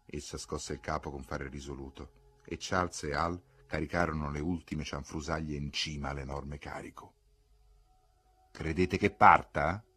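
Give me a deep husky male audiobook reader. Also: normal speed, no room sound. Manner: expressive, dramatic reading. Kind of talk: scripted narration.

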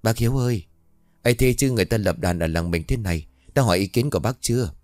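A man's voice: fairly low pitch, fast, a little mellow, no echo, studio quality, close to an everyday voice. Man voicing a curious villager. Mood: inquiring.

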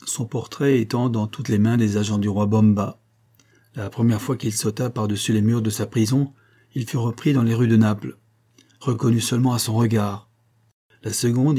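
A man voicing a jovial, theatrical male opera singer who speaks in a lively, expansive and commanding way. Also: medium pitch, close to an everyday voice.

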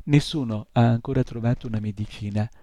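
A man voicing a tiny, polite male creature who explains things softly and with a touch of smugness. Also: mid-range voice, brisk, no echo, lo-fi sound, lightly acted. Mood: polite explaining. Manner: soft, courteous, slightly smug.

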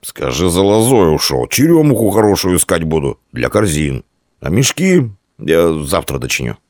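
A man plays a sturdy thirteen-year-old boy with a deep, bass voice. He sounds sleepy and gruff, keeping his answers short. It is a storybook reading in a dry recording. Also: sing-song, a little mellow, no echo. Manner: slow, gruff, laconic.

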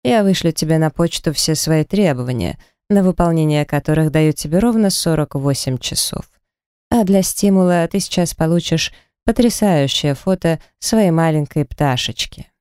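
A cruel kidnapper taunts his rival in a smug, sing-song way, as a man reads him aloud. The voice is dark and smooth, recorded close and dry for an audiobook. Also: fairly high pitch, animated, normal speed, no echo, close to an everyday voice. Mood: mocking. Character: gloating male kidnapper villain, mocking and cruel.

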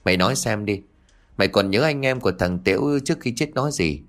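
A man's voice: on the low side, animated, fast, fairly bright tone. A man voicing a sly scheming villager who sneers and makes accusations in a spoken ghost story. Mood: sneering.

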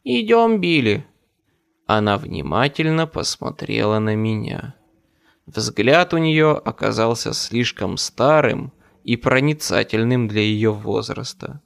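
A man giving measured, dramatic first-person audiobook narration. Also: fairly low pitch, creaky.

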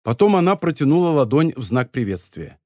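A man narrating a novel as an audiobook, in lively, expressive storytelling. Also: medium pitch, brisk, no echo, clean studio sound. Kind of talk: scripted narration.

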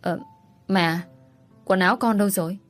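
A woman's voice: mid-range voice, moderate pace, faint music behind, close to an everyday voice. A woman reading an audiobook voices a young wife, just woken, who asks confused questions. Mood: dazed confused.

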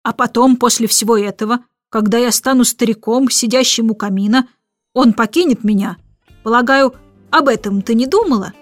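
A woman voicing a grumbling middle-aged father in a storybook reading, loud and hurried. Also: on the high side, dry recording, studio quality, soft background music, lightly acted. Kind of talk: audiobook character reading.

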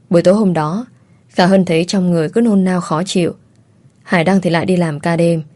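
Calm low-voiced woman telling a story. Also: no room sound. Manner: calm, even storytelling, voicing the characters' quotes lightly. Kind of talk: scripted narration of a family drama. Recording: soft music behind the voice.

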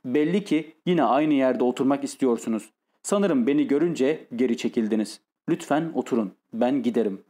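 A man voicing a tormented, lonely, nervous man who speaks in a halting, pained way in an audiobook. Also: medium pitch, lively intonation, dark tone, natural voice. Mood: troubled.

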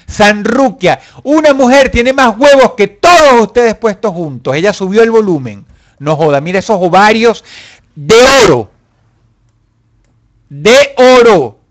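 A young man hosting a casual live stream, reading viewer comments and answering them with profane, mock-angry jokes. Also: high voice.

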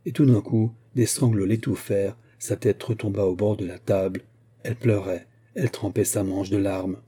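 A man reading a classic novel aloud as an audiobook narrator, in a steady, measured way. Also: on the low side, slightly rough. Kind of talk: scripted narration.

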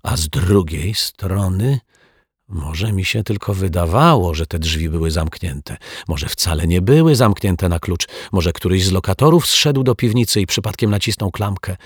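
A man's voice: low-pitched, animated, normal speed, slightly rough, no echo, clean studio sound. A man doing a flustered, stammering caretaker. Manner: hesitant, stammering. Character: flustered, confused male building caretaker.

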